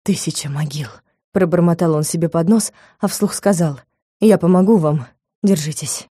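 A woman voicing a stern, commanding male magister in an audiobook, speaking low and measured. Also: warm tone, no echo, studio quality, natural voice. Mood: concerned. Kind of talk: audiobook character reading.

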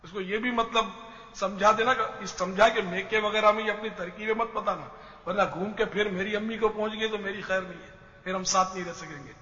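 A man's voice: sits high, fairly even intonation, sharp tone. A man preacher giving a patient, explanatory Islamic advice lecture on family life, using everyday examples. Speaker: religious preacher. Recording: dull lo-fi sound in a reverberant hall.

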